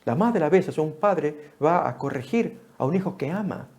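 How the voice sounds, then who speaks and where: A male preacher with a gravelly, dark-toned voice delivers an animated Bible study sermon. He calls out to his listeners as friends and leaps up in pitch when he quotes a speaker. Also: normal speed. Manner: animated, rises sharply for quoted speech, addresses listeners as friends.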